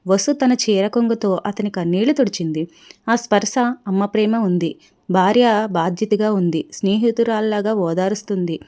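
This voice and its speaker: Speaking at a normal speed, this woman narrates a family story in a warm, medium-pitched voice. Her reading is full of feeling, and she performs each character's dialogue on her own.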